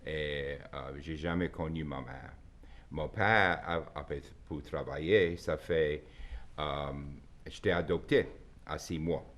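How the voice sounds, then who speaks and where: A man from Louisiana, answering interview questions in halting, plain-spoken with restarts. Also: extremely low pitch, fairly bright tone. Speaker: guest. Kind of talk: casual conversational interview.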